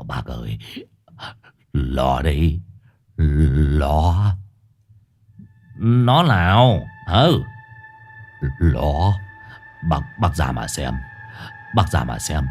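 A man's voice: extremely low pitch, big pitch swings, very slow, pauses often, darkish tone, husky, faint music behind, pitched below the performer's own voice, full character voice. A man voicing a terrified, cowardly young husband who stammers and pleads. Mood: panicked.

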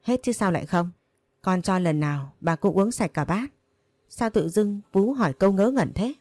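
A woman's voice: medium pitch, expressive, normal speed, a little mellow, no room sound, close to an everyday voice. A woman voicing a brash young female servant in a read-aloud story, whiny and insolent. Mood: defensive.

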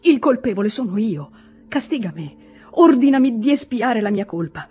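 A woman reader voicing a guilty husband who pleads in a trembling, timid voice, with a husky tone. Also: fairly high pitch, expressive, normal speed, mellow. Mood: pleading.

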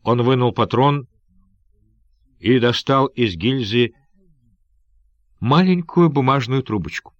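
A man reading an adventure novel aloud in measured, expressive narration. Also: mid-range voice, no room sound, dull audio. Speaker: audiobook reader. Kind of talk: scripted narration.

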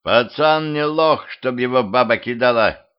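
A man voicing a brash male gang leader who shouts in crude street slang, in a home audiobook. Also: medium pitch, normal speed, clean tone, dull audio, natural voice. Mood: angry.

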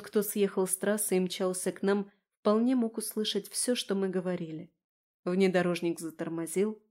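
A woman narrating a first-person novel for an audiobook. Her reading is steady and straightforward. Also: mid-range voice.

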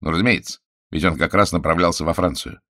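A man's voice: deep voice, quick pace, sharp tone, no echo, studio quality. A man voicing a grave, worried senior statesman in an audiobook, formal and solemn.

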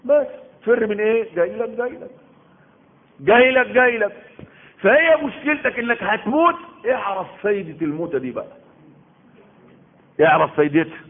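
A man's voice: high voice, expressive, brisk, pauses often. A man with an Egyptian Arabic accent, giving an emphatic Quran lesson, repeating phrases and firing rhetorical questions. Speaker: Islamic preacher giving Quran commentary. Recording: tinny phone-like audio.

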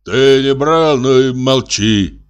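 A man voicing a calm, pious old pilgrim who talks slowly and reproachfully. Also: mid-range voice, highs cut off, pitched above the performer's own voice. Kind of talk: audiobook character voice.

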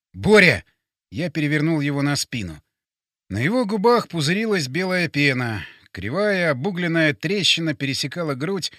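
A man narrating a first-person audiobook, tense and urgent, with sharp emotional swings. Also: a little high, no echo, studio quality.

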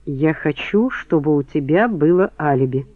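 A man reading the part of a sharp woman who questions her lover in cool, cutting lines. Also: fairly high pitch, animated, moderate pace, dry recording, lightly acted. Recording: tinny phone-like band, dry.

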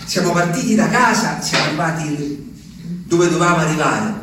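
On a theatre stage, an actor delivers a wistful monologue as a lonely old peasant, rambling and musing to the moon. His voice sits a little high, moving at a moderate pace with light acting, captured from afar with reverb and faint noise.

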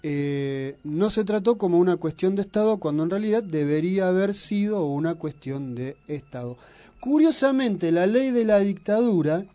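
A man's voice: high voice, expressive, moderate pace, warm tone. A man with an Argentine accent hosting a radio show, teasing his co-host and lecturing at length on politics. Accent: Argentine Spanish. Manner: argumentative, provocative, lecturing on politics. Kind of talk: opinionated radio banter.

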